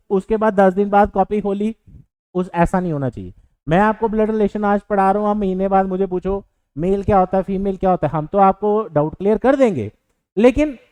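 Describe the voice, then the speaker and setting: Earnest male coaching teacher, mellow voice. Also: high-pitched, clear, resonant tone, dry recording, low-quality recording. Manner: earnest, advising, with fillers and English words mixed in. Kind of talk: motivational lecture to exam aspirants.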